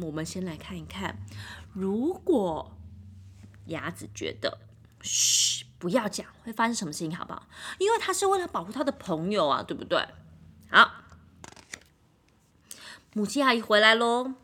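A woman storyteller reading a children's picture book aloud, animated and speaking straight to the young listeners. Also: medium pitch, moderate pace, long pauses. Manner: animated, talks to children directly.

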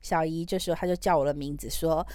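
A woman's voice: low voice, fairly even intonation, a little fast, darkish tone, no echo, clean studio sound. A woman with a Taiwanese Mandarin accent hosting a podcast, telling a personal story in a chatty, rambling way. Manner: chatty, rambling, trailing particles. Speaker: podcast host. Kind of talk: casual storytelling monologue.

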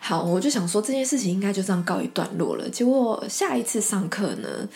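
A young woman tells a story on her podcast, chatting casually and drifting into soft whispered asides. Her voice sits at a medium pitch for a woman. Faint music plays underneath. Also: very animated, brisk, vocal fry. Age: young adult. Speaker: podcast host and children's class teacher.

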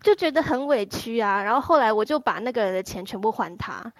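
A woman, telling a story on a talk show in an animated way, full of restarts and repeats. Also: on the high side, a little fast, no room sound. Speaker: guest storyteller. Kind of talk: casual storytelling on a live chat show.

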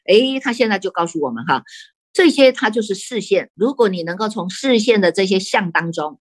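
Buddhist nun giving a lively sermon. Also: female voice, medium pitch, fairly quick, breathy edge, no echo. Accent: Taiwanese Mandarin. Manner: animated storytelling, frequent tag particles and rhetorical questions. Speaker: Buddhist nun teaching sutra.

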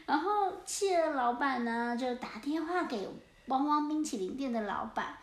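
High, animated woman storyteller. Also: normal speed, echoey room. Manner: lively and animated, with sound effects. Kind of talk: children's picture-book read-aloud.

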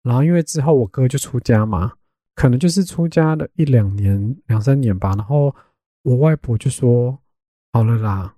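A young man hosting a podcast, telling a family story in a casual, animated way and dropping in English words. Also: mid-range voice, normal speed, dry recording, studio quality. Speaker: podcast host.

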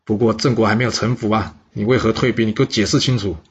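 A domineering king barks orders in a low, husky voice, as a man puts him on. He talks in a stern, commanding way. The recording sounds dull and lo-fi. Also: fairly even intonation, fast talker. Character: angry, domineering male king.

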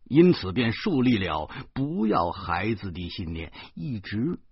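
A man reading a novel aloud as narration, telling the story in a lively way and chuckling now and then. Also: fairly low pitch, unhurried, husky, no echo, muffled recording. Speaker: audiobook reader.

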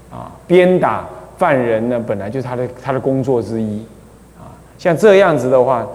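A man, a Buddhist abbot teaching a class on the precepts, talking in a chatty way with many drawn-out "ah" fillers and small chuckles. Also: mid-range voice, a little mellow. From Taiwan. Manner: chatty, full of drawn-out "ah" fillers, chuckles at his own anecdotes. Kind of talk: dharma lecture explaining a scripture. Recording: long hall reverb.

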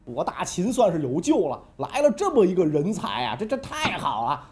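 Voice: mid-range voice, big pitch swings, moderate pace, darkish tone, natural voice. A storyteller playing a folksy musing ancient ruler. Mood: delighted. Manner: colloquial, musing, rhetorical "right?".

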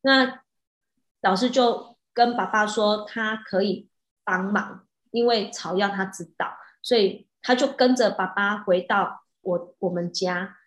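Animated woman in a roomy echo. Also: mid-range voice, a little slow. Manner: animated, with frequent restarts and soft fillers. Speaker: hypnotist. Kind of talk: casual storytelling of a past-life regression.

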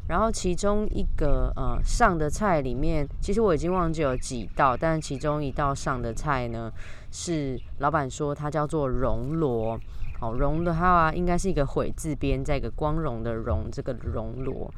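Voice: medium pitch, normal speed. A podcast host with a Taiwanese Mandarin accent chats casually alone, speaking through a face mask that slightly muffles the words. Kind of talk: casual solo podcast talk. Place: outdoors in a park. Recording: outdoor recording with faint background noise. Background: faint natural ambient sound.

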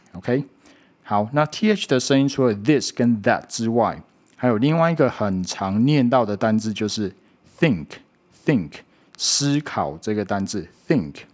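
A man teaching English pronunciation, patiently repeating words slowly to demonstrate. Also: lowish voice, a little mellow. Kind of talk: online pronunciation lesson.

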